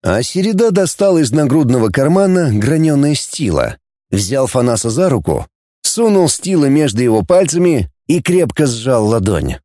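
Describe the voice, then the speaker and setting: A man reads an audiobook in an expressive, storytelling manner, speaking at normal speed with a medium pitch. The recording is dry and of studio quality.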